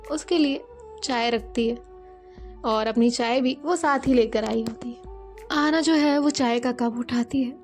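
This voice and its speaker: A woman's voice: on the high side, darkish tone. A woman narrating a romance story in a loose, chatty retelling with many repeated fillers.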